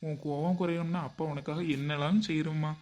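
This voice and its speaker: A man's voice: fairly high pitch, flat delivery, fast, darkish tone, close to an everyday voice. A man playing a doting father who fusses and frets over the cost of his family, in a comic skit. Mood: coaxing. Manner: coaxing and pleading, often groaning in dismay. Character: doting, fretful middle-aged father worried about money.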